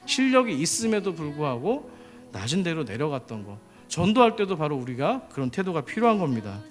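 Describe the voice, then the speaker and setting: A man's voice: a little high, very animated, a little fast, faint music behind. A man preaching a sermon as pastor, often putting questions to the congregation.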